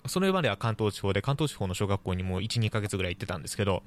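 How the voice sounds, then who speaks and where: A man's voice: fairly low pitch, lively intonation, racing. A man chatting on a radio talk show, telling stories with laughs. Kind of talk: casual radio chat.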